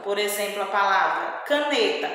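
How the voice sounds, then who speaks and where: A woman's voice: mid-range voice, animated, a bit bright. A woman teaching a primary school lesson to children, speaking patiently and affectionately and often checking in with the class. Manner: slow, patient, affectionate with frequent "tá?" check-ins. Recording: echoey room with long reverb.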